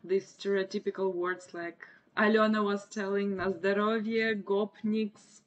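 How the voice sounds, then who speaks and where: A young woman with a Russian accent hosts a livestream in a casual, chatty way. Her voice has a medium pitch. The recording is slightly dull and lo-fi, as from a webcam in a room. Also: level tone, unhurried. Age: 20s. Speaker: livestream host. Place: small indoor room. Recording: muffled lo-fi webcam stream audio.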